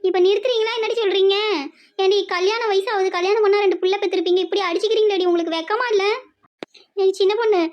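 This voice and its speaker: Cartoon casting: very high, fast-talking village mom with a Tirunelveli accent who scolds nonstop. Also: female voice, fairly even intonation, muffled recording. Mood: scolding. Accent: Tirunelveli Tamil. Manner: shrill scolding, melodramatic complaints. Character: nagging middle-aged village mother.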